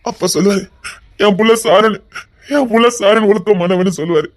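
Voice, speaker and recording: An actor playing a remorseful young son who makes earnest, emphatic vows, with a fairly high voice. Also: male voice, fairly quick, lightly acted. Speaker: actor in a television serial. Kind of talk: television drama acting.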